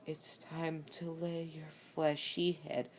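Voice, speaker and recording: A man voicing a sweet female pony turned sinister, singing a soft, slow lullaby. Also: high-pitched, flat delivery, a little hiss or hum, pitched above the performer's own voice. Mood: eerie lullaby.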